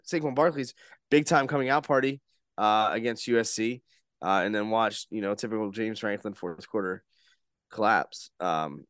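Young man, podcast host, casual sports chat, rambling with restarts, mid-pitched voice, dry close sound. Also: a bit bright, no echo. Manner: rambling, frequent restarts and fillers.

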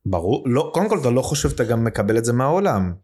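A man's voice: mid-range voice, sing-song, darkish tone. A man talking as a podcast guest, earnest and emphatic, thinking aloud with many fillers in a casual conversation.

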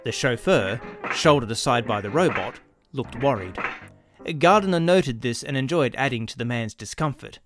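A man narrating a dramatic science fiction story in a lively, expressive way. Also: medium pitch, moderate pace, music in the background.

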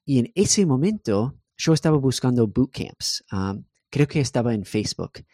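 Halting man, second-language speaker. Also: medium pitch, very animated, a little mellow, no room sound, studio quality. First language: English. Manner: hesitant, many fillers, slips in English words. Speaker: podcast guest, software engineer. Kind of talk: casual interview conversation.

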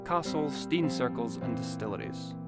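A man's voice: mid-range voice, moderate pace. A man with a broad North East Scottish accent, narrating a scripted documentary in Scots dialect. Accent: broad North East Scottish (Doric). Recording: prominent plucked guitar music behind. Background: plucked guitar music.

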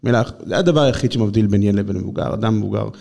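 A man's voice: fairly low pitch, vocal fry, dark tone. A man explaining conversationally like a teacher, posing questions and stressing key words. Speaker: school educator and guest.

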